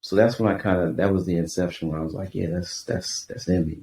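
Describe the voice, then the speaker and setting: A man from Tucson, Arizona, a guest author, talking in a relaxed, reflective way on a podcast. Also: sits low, fast. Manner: reflective, easygoing, uses "you know" a lot. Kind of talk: casual podcast interview. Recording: echoey room with faint background noise.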